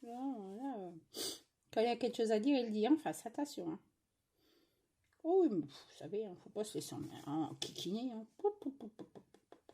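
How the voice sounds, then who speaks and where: A woman's voice: fairly high pitch, animated, normal speed, dark tone, husky. A middle-aged woman from France chatting casually while she stitches, grumbling and rambling with many fillers and asides, recorded at home. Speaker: cross-stitch vlogger.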